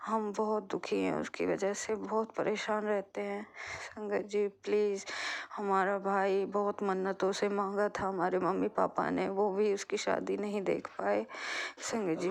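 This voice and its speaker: A woman's voice: fairly low pitch, creaky. A young woman sharing a devotional testimony with a prayer group, pleading again and again for help for her family. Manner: pleading, emotional, repeated appeals.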